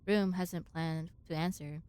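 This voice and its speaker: A woman's voice: low-pitched, fairly even intonation, measured pace, a little mellow, clean tone. A woman streaming a game, reading its text aloud and reacting casually.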